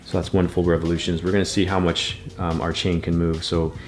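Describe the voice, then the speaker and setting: A man's voice: deep voice, little pitch movement, a little fast, faint music behind. A man giving a patient, methodical bike repair tutorial, talking through each step as he works. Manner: patient, methodical, repeats steps.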